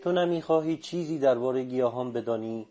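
A calm, blunt old sorcerer, voiced by a male reader in an audiobook. His words come slow and deliberate, with a mellow, warm tone. He sounds steady and unhurried even when cutting. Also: medium pitch, soft background music, natural voice.

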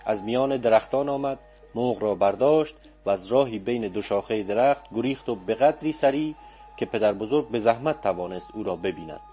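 A man reading a literary story aloud as an audiobook narrator, in a calm, reflective manner. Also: fairly low pitch. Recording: faint background music.

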